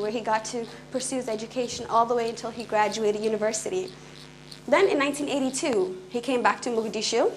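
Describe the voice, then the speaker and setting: Young woman giving a quick, earnest talk. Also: fairly high pitch, a little hiss or hum, low-quality recording. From Canada. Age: young adult. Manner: earnest, quick and fluent with brief restarts. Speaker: conference speaker. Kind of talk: prepared public talk. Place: small indoor event room.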